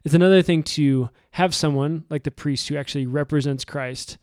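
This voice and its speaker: A man's voice: fairly high pitch, normal speed, a little mellow, no room sound, studio quality. A man co-hosting a casual faith podcast, speaking reflectively and sometimes repeating words as he starts. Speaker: podcast co-host.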